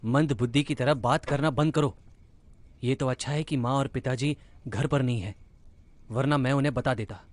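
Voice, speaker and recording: A man's voice: medium pitch, moderate pace, long pauses, dry recording, natural voice. An actor playing a stern elder brother scolding his younger sister.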